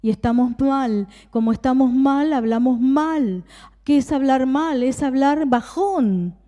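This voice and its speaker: Woman pastor, Rioplatense accent, dark mellow tone, emphatic repeated phrases and hushed asides, preaching in a church with long hall reverb. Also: sits high, takes it slowly. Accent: Rioplatense Spanish. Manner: preaching with emphatic repetition, dropping to a whisper at times. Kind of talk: sermon.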